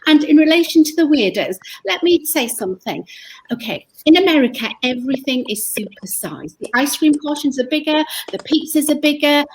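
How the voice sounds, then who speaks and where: A woman comedian rants through a mock debate, emphatic and full of swearing. Her voice sits a little high for a woman, with a faint hum of noise behind her. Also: expressive, brisk, low-quality recording. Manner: emphatic, profane ranting. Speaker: comedian panelist.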